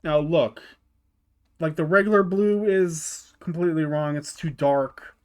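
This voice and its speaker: A man's voice: fairly high pitch, fairly even intonation, measured pace, a little mellow, clean tone. A man hosting his gaming channel, talking through a car build in a casual tutorial voice-over, often stopping to restart and repeat words.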